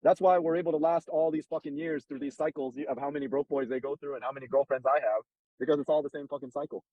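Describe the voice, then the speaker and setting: A man's voice: a little high, fairly even intonation, fast, no echo, lo-fi sound. A man hosting a casual advice chat, blunt, profane and streetwise, talking from a car. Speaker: host giving dating advice.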